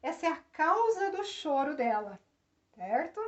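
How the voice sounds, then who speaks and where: Woman teacher, patient step-by-step explainer; fairly high voice, roomy muffled recording. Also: big pitch swings. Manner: explains slowly, checks in with "né?" and "tá?". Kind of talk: grammar lesson. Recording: echoey room, dull lo-fi sound.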